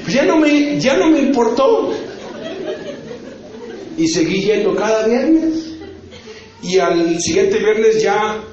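A man's voice: high voice, a little mellow. A man, telling a testimony in a conference sermon in a chatty, storytelling way full of tag questions. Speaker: preacher. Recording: very echoey hall, slightly dull sound.

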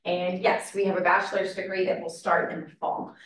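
Hoarse woman presenting in an echoey room. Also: lowish voice, little pitch movement, fairly quick, recorded from a distance, slight background noise. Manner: chatty, with many fillers. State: hoarse, losing her voice. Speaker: program director presenting. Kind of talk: informal presentation. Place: classroom.

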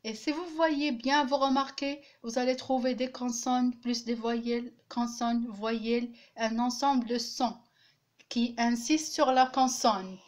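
A woman teaching a French lesson, slowly repeating words and pausing with hesitations. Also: a little high, fairly even intonation. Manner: repeats each word slowly, clapping out syllables; frequent hesitations and restarts. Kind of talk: slow classroom lesson.

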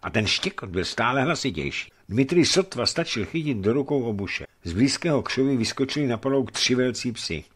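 A man narrating a novel in an expressive storytelling manner, recorded in a radio studio. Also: medium pitch, few pauses, slightly rough. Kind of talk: audiobook reading of a novel.

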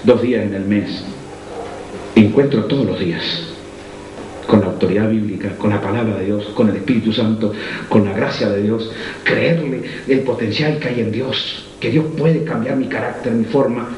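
A middle-aged man with a Rioplatense Spanish accent preaching a sermon, swinging between high fervent cries and low intimate tones. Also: normal speed, darkish tone. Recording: echoey room, faint ambient noise.

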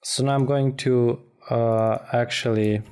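A man narrating an informal software tutorial as instructor, speaking haltingly and often repeating words. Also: mid-range voice, steady tone, clean tone. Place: voice-over for a screen recording.

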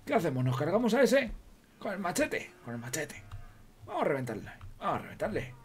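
Male, Spain Spanish accent, high-pitched and animated, jokey role-play gamer who swears and talks to himself. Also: a little fast, husky. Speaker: roleplay streamer. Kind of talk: in-character game role-play commentary.

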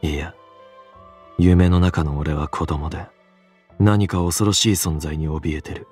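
A man's voice: low voice, steady tone, moderate pace, darkish tone, husky. A man voicing a guarded young man in a visual novel, asking level, probing questions over game music. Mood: reflective. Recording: faint game music behind.

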